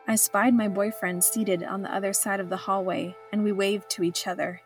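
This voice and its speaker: A woman's voice: mid-range voice, fairly even intonation, normal speed, faint music behind. Woman narrating a memoir, wry and reflective. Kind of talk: scripted first-person narration.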